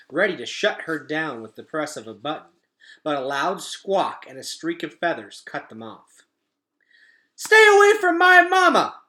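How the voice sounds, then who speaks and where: A man with a medium-pitched voice reads a children's story aloud as narrator, telling it in an expressive storytelling style.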